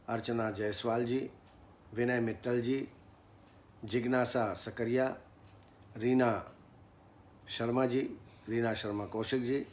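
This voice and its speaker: A man teaching Ayurveda in a formal lecture, speaking in a measured tone and reciting Sanskrit verses. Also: lowish voice, a little mellow, a little hiss or hum.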